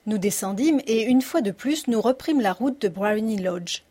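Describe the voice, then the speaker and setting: Steady female audiobook narrator, fairly high-pitched. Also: normal speed.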